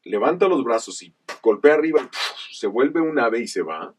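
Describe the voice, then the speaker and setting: A man from northern Mexico, a voice actor, telling stories from his career in a measured, explanatory interview manner. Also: medium pitch, a little hiss or hum. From Chihuahua, northern Mexico. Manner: measured, explanatory, animated asides. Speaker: voice actor guest. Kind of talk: casual interview storytelling. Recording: voice slightly distant from the mic.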